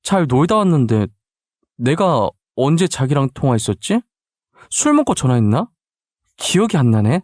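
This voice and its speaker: A man's voice: medium pitch, very animated, moderate pace, pauses often, darkish tone, no room sound, clean studio sound. A man voicing a playful, forgetful young woman about to be married, who talks casually and teasingly. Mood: casual, breezy. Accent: Busan dialect in some lines.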